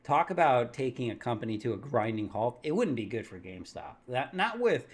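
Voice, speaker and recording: A man hosts a casual live stream about markets, thinking out loud and correcting himself mid-sentence. His pitch rises and falls a lot as he talks. He laughs often between his points. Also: sing-song, fairly quick. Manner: rambling, thinks aloud, self-correcting.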